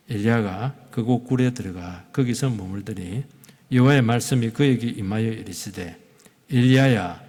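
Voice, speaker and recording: A middle-aged man preaching a Sunday sermon as a pastor, animated and acting out quoted dialogue. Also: medium pitch, slightly rough. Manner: animated, acts out quoted dialogue in shifting voices. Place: church sanctuary. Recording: long reverb of a church hall.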